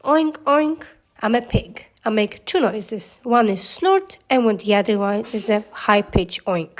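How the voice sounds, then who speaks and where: A woman's voice: mid-range voice, animated, unhurried, lightly acted. A woman voicing a cheerful farm pig in a storybook read-aloud.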